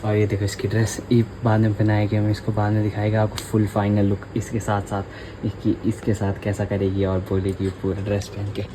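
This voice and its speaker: A man's voice: fairly low pitch, monotone, brisk, background noise. Chatty young man vlogging at home. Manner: chatty, teasing, addresses viewers as guys. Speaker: family vlogger. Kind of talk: casual home vlog narration. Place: family home. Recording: loud crickets chirping behind.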